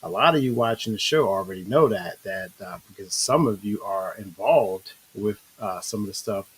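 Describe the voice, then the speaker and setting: A man hosting a casual interview show, speaking in halting, circling phrases with frequent pauses. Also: lowish voice, lively intonation, breathy edge, low-quality recording. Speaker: show host.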